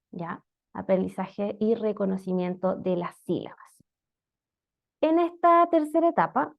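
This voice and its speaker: In muffled, lo-fi audio, a woman with a gravelly mid-range voice lectures online about teaching reading. A special education instructor, she walks through each step and keeps checking in with "¿ya?".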